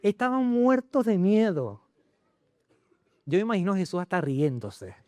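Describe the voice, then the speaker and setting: A male pastor delivers an animated sermon, firing rhetorical questions at his congregation. His voice sits high and swings widely in pitch. The sound is dry and close. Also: a little slow, no echo. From Chile. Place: church.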